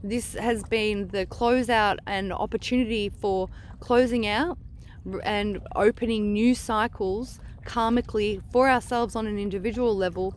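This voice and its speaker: Standing at the water's edge on a beach, a spiritual vlogger offers psychic energy guidance to camera, her mid-range voice steady against the clear sound of rushing water in this outdoor recording. She talks casually and earnestly, digressing often and trailing off mid-thought.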